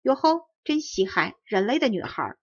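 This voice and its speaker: A woman's voice: fairly high pitch, very animated, normal speed, slightly rough. A woman voicing a rude greedy boar. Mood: mocking. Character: rude greedy male wild boar, smoking. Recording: dry dull close recording.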